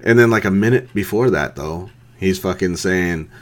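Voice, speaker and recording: A man's voice: sits low, normal speed. A man in his thirties hosting a podcast, bluntly mocking someone with heavy swearing and laughter. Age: 30s. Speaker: podcast host. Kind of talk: profane ranting commentary.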